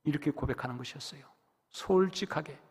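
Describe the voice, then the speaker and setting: A man preaching a sermon as pastor, dramatic, rising to loud exhortation and dropping to hushed whispers. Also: a little high, fairly quick, breathy edge. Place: church sanctuary. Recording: long reverb of a church hall.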